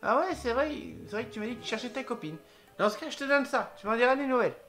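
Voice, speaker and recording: A man doing a loud, high-pitched mole creature with a clichéd Italian accent. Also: quick pace, over music. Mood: grateful. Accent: put-on clichéd Italian. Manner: loud, jumpy, theatrical. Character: excitable male mole creature.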